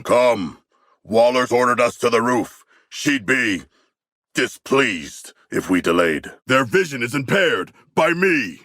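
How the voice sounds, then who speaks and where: A huge shark-man warrior from a video game, naive, earnest and eager for battle. His low voice is gravelly and swings widely in pitch as he delivers stilted, grandiose lines with great formality. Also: pushed and bright, dry recording, studio quality, full character voice. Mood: battle-eager, forceful. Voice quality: gravelly, husky.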